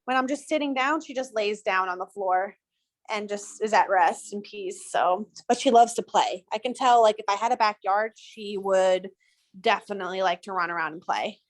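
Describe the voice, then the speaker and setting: A woman's voice: mid-range voice, normal speed. A young woman fostering a rescue dog, chatting casually and gushing, with many ums and likes, over a video call. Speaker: foster volunteer.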